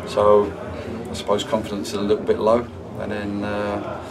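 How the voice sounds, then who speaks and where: A middle-aged man, a football manager, answering post-match questions in a measured, subdued way with many pauses. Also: on the low side, monotone, far from the mic, over music, low-quality recording. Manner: measured, subdued, halting with fillers. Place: indoor club room, sponsor wall.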